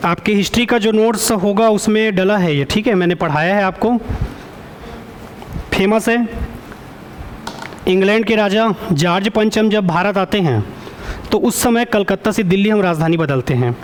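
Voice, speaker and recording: A male teacher giving an online exam-prep lecture. He keeps quizzing the students for answers, often stops to check with a quick "okay", and corrects himself as he goes. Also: high-pitched, slight background noise.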